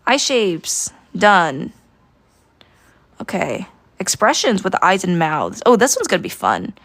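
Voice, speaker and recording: A woman's voice: medium pitch, wildly swooping pitch, slow pace, creaky, a bit bright, no echo. Giggly woman teaching drawing on stream. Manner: chatty, giggly, thinking aloud while drawing. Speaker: art teacher streaming live. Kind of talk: casual livestream drawing lesson.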